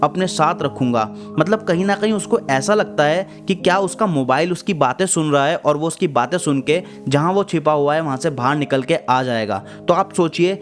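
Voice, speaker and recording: Guy with a slightly high voice walking through self-help steps with simple examples, guitar music playing behind. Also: a little fast, hardly any pauses. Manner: patient, explains step by step with everyday examples. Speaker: self-help channel host. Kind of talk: motivational explainer talk. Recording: voice over guitar background music.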